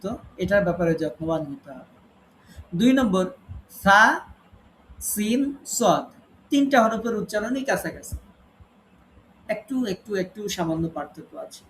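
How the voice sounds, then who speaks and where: A man teaching an online tajweed class, patiently explaining rules and slowly reciting Arabic examples. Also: sits high, expressive, a little hiss or hum. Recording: echoey room with faint ambience.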